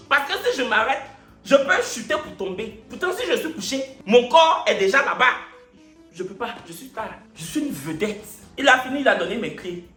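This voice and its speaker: A man vlogging, telling a comic story to camera in an animated, mock-indignant, boastful way. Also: high voice. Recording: roomy echo, faint music behind.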